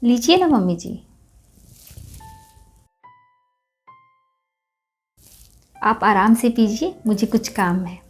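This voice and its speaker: A woman playing a greedy, sharp-tongued daughter-in-law. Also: a little high, expressive, normal speed, husky. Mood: falsely sweet. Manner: sharp, complaining, falsely sweet. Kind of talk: Hindi family short drama acting.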